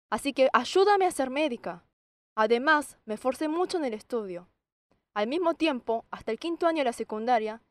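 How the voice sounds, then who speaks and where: A woman's voice: fairly high pitch, dry recording. A young woman from South Korea giving a personal faith testimony, telling it expressively and acting out her own past words. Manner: expressive, acts out her own past shouts and quoted lines.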